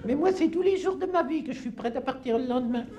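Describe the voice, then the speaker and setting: A man's voice: expressive, quick pace, over a noisy crowd. An actor playing a cantankerous, chatty old countrywoman, rambling and scolding in a live comedy sketch. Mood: grumbling. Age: over 70. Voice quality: shrill, quavering, cackling. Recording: live stage with audience laughter and noise.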